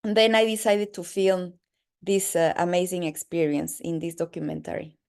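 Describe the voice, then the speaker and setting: Woman, 40s, from Mexico City, diplomat guest, smooth voice, measured. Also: on the low side, flat delivery, darkish tone. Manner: earnest, measured storytelling. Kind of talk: interview answers.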